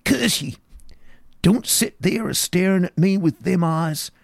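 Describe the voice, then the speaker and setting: A man playing a frantic, gravelly old drunkard. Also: sits high, lively intonation, a little slow, dry recording, clean studio sound, exaggerated voice. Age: older. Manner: frantic, rambling, rustic dialect. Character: wild-eyed terrified old male drunkard. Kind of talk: dramatic reading.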